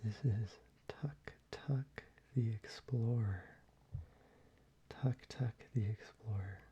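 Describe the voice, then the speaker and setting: This ASMR creator speaks in a close, gentle whisper while presenting a collection, with lots of ums and false starts. Their mid-range voice moves slowly, sounds slightly rough, and has its highs cut off.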